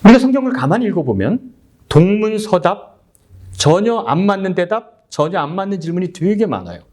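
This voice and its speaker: A man's voice: high-pitched, big pitch swings, fairly quick, darkish tone. A middle-aged male pastor giving a conversational sermon, retelling a Bible story in acted dialogue and putting questions to the congregation. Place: church sanctuary.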